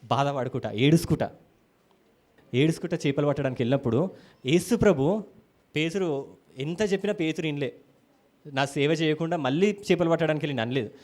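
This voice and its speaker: A man with a Telangana Telugu accent preaching a sermon in a church, animated, acting out quotes and calling hallelujah to the congregation. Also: on the high side, a little fast, pauses often.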